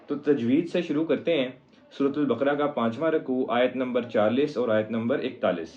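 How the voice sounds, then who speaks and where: A man's voice: mid-range voice, a little mellow, muffled recording. A man teaching Quran recitation in a recorded lesson, patiently explaining each step.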